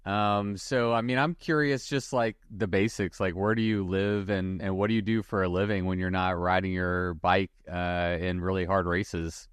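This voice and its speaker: Deep-voiced man hosting a podcast. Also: normal speed, hardly any pauses, clear, resonant tone, no room sound, studio quality. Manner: relaxed, conversational questions. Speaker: podcast host. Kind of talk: casual interview on video call. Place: home studio, indoors. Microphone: boom microphone.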